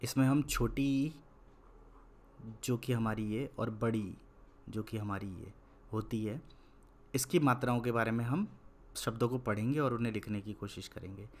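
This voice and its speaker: A young man teaching Hindi in an online lesson. He is patient, explains slowly, repeats words, and turns blunt when he lectures. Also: medium pitch, darkish tone.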